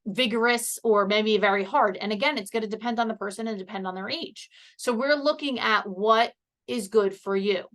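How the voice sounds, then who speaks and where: A woman's voice: a little high, bright, forceful tone. A woman giving a casual, chatty health presentation from a seated position, explaining things step by step. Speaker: health educator. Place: seated indoors.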